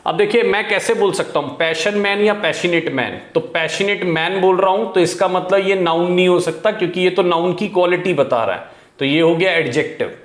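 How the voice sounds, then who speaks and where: A man's voice: high-pitched, moderate pace, reverberant. A man teaching English grammar in Hindi, who keeps asking his students questions and answering them himself. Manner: asks questions then answers them himself, says "guys" often. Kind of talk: classroom grammar lesson in Hindi.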